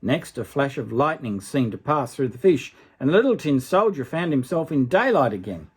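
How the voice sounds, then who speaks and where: An older man with a medium-pitched, sing-song voice and a breathy edge reads a children's story aloud at a normal speed. He reads expressively and dramatically, adding asides to a young listener.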